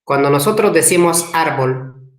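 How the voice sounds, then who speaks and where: A man teaching an online language class, repeating his questions slowly and coaxing students to answer in the chat. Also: a little high. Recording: echoey room.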